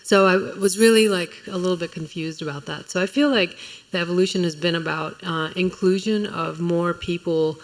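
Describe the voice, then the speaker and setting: A woman's voice: on the low side, steady tone, moderate pace, poor audio. A woman speaking on a food panel at a public event, reflective and earnest, with fillers. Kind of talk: panel talk. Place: museum event hall.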